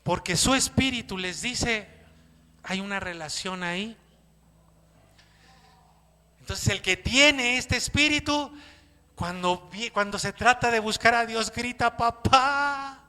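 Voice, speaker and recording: A Mexican pastor preaches with a strikingly high, bright voice that rings through a reverberant church hall. He acts out little scenes and questions his congregation as he goes. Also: takes it slowly, pauses often, clear, resonant tone. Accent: Mexican Spanish. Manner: animated preaching with acted-out quotes and questions to the congregation. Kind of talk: sermon.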